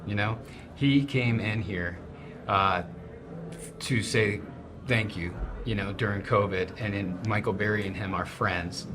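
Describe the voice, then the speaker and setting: With a crowd audible behind him, a chef and restaurant owner speaks in a lowish voice during a relaxed guest conversation. Raised in a snowy region, he is enthusiastic, talking in fast bursts and frequently starting his sentences over.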